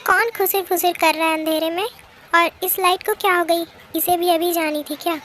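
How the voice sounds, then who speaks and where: A woman's voice: very high voice, fairly even intonation, moderate pace, fairly bright tone, a little hiss or hum. A woman voicing a stern, teasing older brother who scolds and gives orders in a fan-made drama dub. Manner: scolding, commanding.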